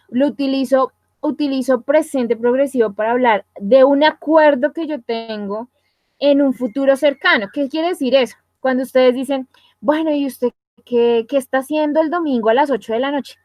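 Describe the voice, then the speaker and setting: A woman's voice: sits high, a little mellow, no echo. A woman who teaches an online English grammar lesson, explaining step by step and checking in with "¿listo?" and "¿sí?".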